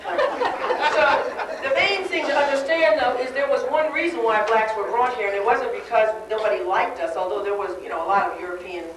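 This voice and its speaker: A woman's voice: fairly high pitch, a little fast, a crowd in the background. Woman speaking on a worn tape copy. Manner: wry, conversational speechmaking. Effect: worn VHS tape copy. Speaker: dinner speaker. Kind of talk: public speech. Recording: hissy worn tape, echoey hall from far off.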